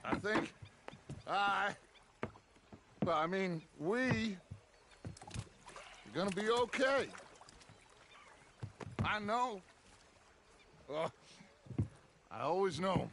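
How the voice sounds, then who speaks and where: An actor playing a reassuring outlaw leader who talks haltingly, promising things will be fine. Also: male voice, high-pitched, animated, noisy background, full character voice.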